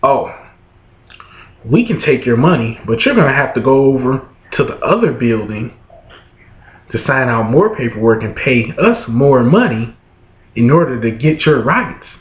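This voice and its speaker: A man voicing a dismissive female clerk at a child support office, speaking flatly and offhandedly. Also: mid-range voice, measured pace, voice pushed down. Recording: roomy, dull lo-fi room sound.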